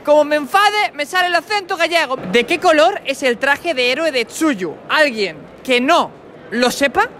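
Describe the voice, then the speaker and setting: Very high-voiced and expressive, this brash young quiz host talks at a moderate pace with a bright, forceful tone. Inside a convention hall he teases interviewees with mocking, playful insults, holding a mic with a furry windscreen amid slight background noise.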